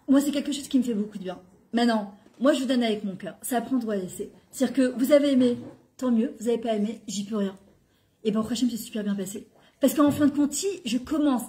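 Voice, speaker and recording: A middle-aged woman who weaves into her talk. She tells personal stories in a lively way and acts out the dialogue. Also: fairly high pitch. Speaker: guest speaker on women's talk show. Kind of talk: animated personal storytelling.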